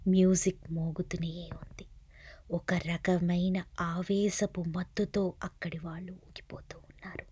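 Husky, hushed woman narrating a novel. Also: lowish voice, little pitch movement, unhurried. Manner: soft, hushed reading. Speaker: audiobook narrator.

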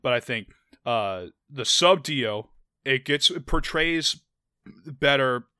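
A man's voice: medium pitch, lively intonation, takes it slowly, bright, forceful tone, clean tone, no room sound, clean studio sound. A young man co-hosting a podcast, talking casually and rambling with lots of restarts and "like" fillers. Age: young adult. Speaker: podcast co-host. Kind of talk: casual anime chat.

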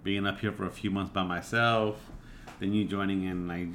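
Laid-back podcast host, low voice. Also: male voice, steady tone, normal speed, a bit bright, a little hiss or hum. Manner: reflective, loose, with many "you know" fillers. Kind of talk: casual podcast chat.

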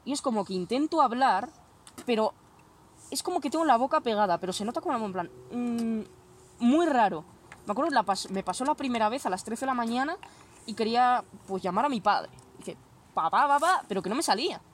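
A woman's voice: a little high, animated, fairly quick, a little hiss or hum. A young woman hosting a casual chat, telling stories animatedly and swearing freely. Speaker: host.

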